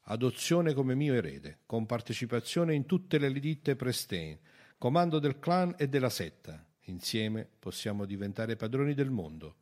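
A man voicing a scheming older tycoon in an audiobook reading, speaking loudly and urgently. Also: mid-range voice, very animated, unhurried, pitched above the performer's own voice.

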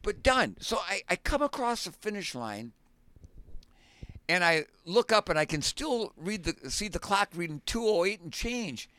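A man's voice: high voice, sing-song, measured pace, bright, forceful tone. A man co-hosting a podcast, telling the story of his own race in a reflective way and often saying "done". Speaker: podcast co-host, former marathoner. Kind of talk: casual chat.

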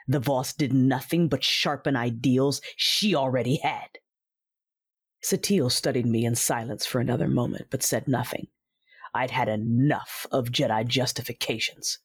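A woman narrates in the first person as a proud female Sith warrior in a sci-fi audio drama, her husky voice rumbling low. She sounds cold, controlled and deliberate, heavily acted, on a dry, close recording.

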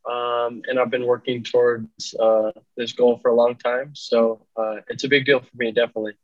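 A man's voice: mid-range voice, flat delivery, moderate pace, no echo. A young man in his twenties, an athlete answering interview questions briefly and hesitantly over a video call. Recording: dry, dull video-call audio.

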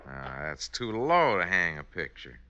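Low, sly outlaw henchman. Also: very animated, unhurried, sharp tone, dull audio, full character voice. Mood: agreeable. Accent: American. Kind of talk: old-time radio drama acting. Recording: old radio recording with hiss, clicks.

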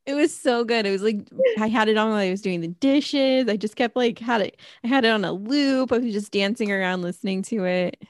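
A woman's voice: mid-range voice, a little fast, few pauses, no echo. Wry woman co-host, dry close sound. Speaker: podcast co-host. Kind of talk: casual chat.

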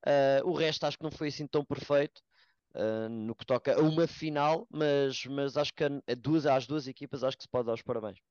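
A man's voice: mid-range voice, fairly quick, a little mellow, clean tone, no room sound, lo-fi sound. A man with a European Portuguese accent talking casually and earnestly on a podcast, repeating points for emphasis. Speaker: American football player, podcast guest.

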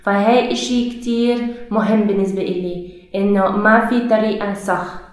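A young woman with a non-native Levantine Arabic accent, giving interview answers haltingly, searching for words and correcting herself. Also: mid-range voice, fairly even intonation. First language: not Arabic, speaks it as a learner. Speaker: researcher being interviewed. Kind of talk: conversational interview answers in a learned language. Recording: very echoey, reverberant room.

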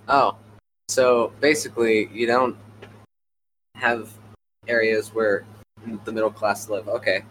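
A man's voice: on the low side, fairly even intonation, slow pace, pauses often, a bit bright, slight background noise, low-quality recording. A man from Colorado chatting casually over a voice call, teasing the others. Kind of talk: casual chat.

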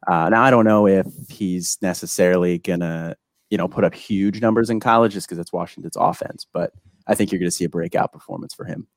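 Deep-voiced man chatting sports analysis, close and dry. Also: steady tone, a little fast, no room sound. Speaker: guest football prospect analyst. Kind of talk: casual sports analysis chat.

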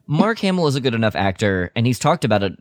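Very animated and fast, this medium-pitched man co-hosts a film podcast, casually offering opinions and thinking out loud. The recording is dry and studio quality.

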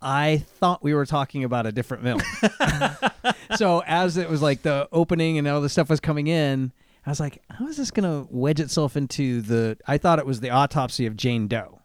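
A man co-hosts a casual podcast, chatty and quick to laugh. His middle-pitched voice rises and falls a lot as he talks. The sound is dry and close. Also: lively intonation, dry recording. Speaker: podcast host. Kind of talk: casual chat.

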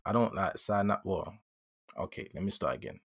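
A man's voice: low voice, lively intonation, moderate pace, vocal fry, fairly bright tone, husky, no echo, clean studio sound. A young man with a London accent, chatting casually on a podcast in a slangy, rambling way. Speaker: podcast host.

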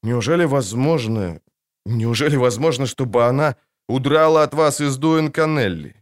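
A man reading a gruff sarcastic monster hunter. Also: mid-range voice, animated, moderate pace, natural voice.

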